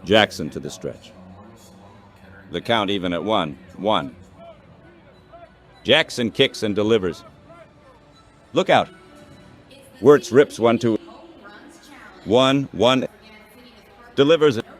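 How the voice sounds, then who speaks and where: Faint music plays behind a synthetic male text-to-speech voice calling baseball radio play-by-play in short, clipped phrases. The lowish voice is expressive, slow, and pauses often.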